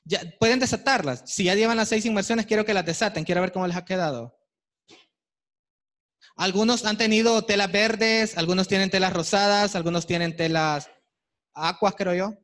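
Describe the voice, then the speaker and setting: A man's voice: high voice, moderate pace, a bit bright. A man leading a hands-on dyeing workshop, encouraging the group and pointing out the dyed pieces they hold up. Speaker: workshop instructor. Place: workshop room with attendees.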